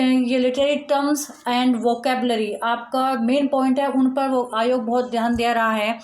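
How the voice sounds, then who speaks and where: A young woman teacher explaining a lesson patiently, repeating and rephrasing each point and mixing Hindi with English terms. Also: high voice.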